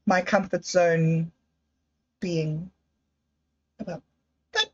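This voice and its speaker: A woman with a lowish voice talks extremely slowly and in an even tone on her livestream, musing hesitantly and doubting her own projects. The sound quality is lo-fi and a little dull.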